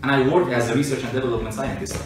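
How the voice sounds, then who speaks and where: Speaking at a racing pace, a man with a medium-pitched, steady voice argues his point informally to a listener using everyday examples. He describes himself as an engineer and scientist. Faint noise, a distant microphone, and room echo mark the recording.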